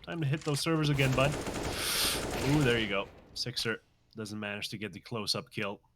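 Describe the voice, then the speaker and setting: A man doing live play-by-play commentary on a competitive shooter match, reacting quickly to the action. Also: mid-range voice, expressive, noisy background. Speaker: esports commentator.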